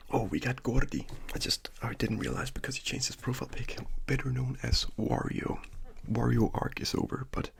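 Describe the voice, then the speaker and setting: A man's voice: medium pitch, moderate pace, creaky, few pauses, a little hiss or hum. A young man whispering names over and over as ASMR trigger words, with casual joking asides, in a whispered role-play. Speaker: ASMR creator.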